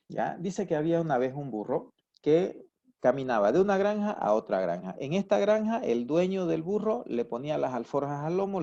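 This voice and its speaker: A man's voice: mid-range voice, dark tone, muffled recording. A man giving a psychology lecture who explains with everyday examples and keeps checking that his students follow. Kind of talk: recorded university lecture.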